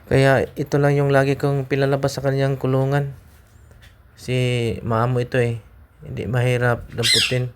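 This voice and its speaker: A man's voice: medium pitch, monotone, moderate pace, pauses often. A man with a Filipino accent chatting casually to viewers in a home vlog about his pet. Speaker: pet owner vlogging. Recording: clearly noisy recording with clicks.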